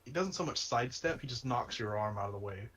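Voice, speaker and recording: A man's voice: mid-range voice, expressive, fast, a bit bright, breathy edge. A man narrating as game master of a tabletop game, casual and wry, laughing often. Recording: streamed game session.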